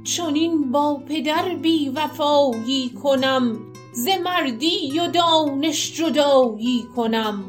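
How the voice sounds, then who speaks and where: A woman reciting as indignant young prince. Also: high voice. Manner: solemn recited verse. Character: young prince Siavash, pure-hearted and indignant.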